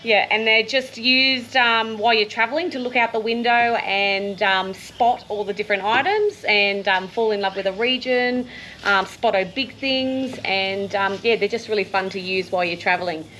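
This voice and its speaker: A woman's voice: medium pitch, normal speed, sharp tone, poor audio. Broad Australian woman, insects chirping behind. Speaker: interview guest, author of travel spotting books. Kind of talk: casual chat. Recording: clear background noise, insects chirping outdoors.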